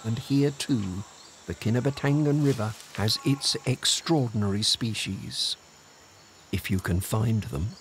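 A man reading scripted nature documentary narration in a measured storytelling manner. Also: fairly low pitch, a little hiss or hum. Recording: music under the voice. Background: background music.

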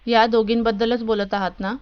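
A woman reading the lines of a strict male college principal in a loud, scolding, authoritative way. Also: on the high side, little pitch movement, moderate pace, smooth, highs cut off, close to an everyday voice. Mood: stern.

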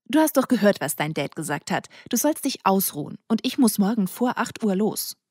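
A woman's voice: medium pitch, expressive, normal speed, a little mellow, no echo, studio quality, close to an everyday voice. A woman voicing a prickly teenage girl who snaps back and stammers when flustered, in an audiobook. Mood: sharp. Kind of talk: audiobook character voice.

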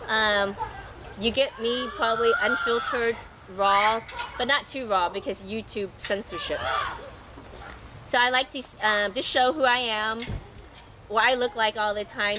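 Middle-aged woman, sailing vlogger, scratchy voice, higher register, easygoing and rambling. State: scratchy, recovering from losing her voice. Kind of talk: casual unscripted monologue to camera.

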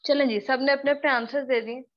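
Hoarse high-voiced woman teaching a class. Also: fairly even intonation, dull audio. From Pakistan. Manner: questions students often, repeats herself, slow drawn-out example words. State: hoarse, worn-out voice. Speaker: spoken English teacher. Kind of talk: live online class lecture.

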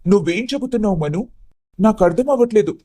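A man voicing an upset, confused young groom in an animated story who presses with emphatic, pleading questions. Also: very high-pitched, fairly quick, dry recording, clean studio sound.

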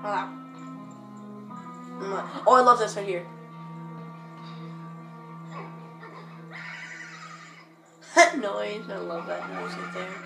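A woman's voice: mid-range voice, huge pitch swings, unhurried, pauses often. A woman giving chatty, goofy, self-mocking commentary while she plays a video game, recorded on a distant mic in a room with game music behind her. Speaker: let's play gamer. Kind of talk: casual gameplay commentary. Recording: echoey room, voice far from the mic.

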